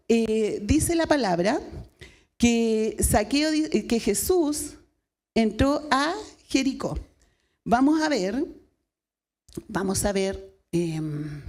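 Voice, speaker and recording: Gravelly-voiced Chilean woman pastor preaching. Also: a little high, dark tone. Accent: Chilean Spanish. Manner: storytelling, asks the congregation questions. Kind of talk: sermon.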